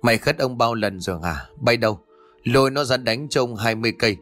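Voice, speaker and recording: A man's voice: medium pitch, brisk, fairly bright tone, soft background music, natural voice. A man voicing a cruel, domineering old village landlord who barks orders at his servants in a ghost story. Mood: harsh commanding. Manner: barking orders, menacing.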